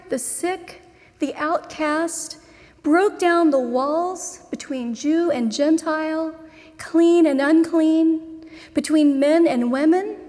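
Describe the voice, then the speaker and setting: Slow, high-voiced woman preaching in a hall. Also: darkish tone. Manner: slow, deliberate preaching with measured pauses. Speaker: pastor. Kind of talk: sermon. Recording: long reverb of a large hall.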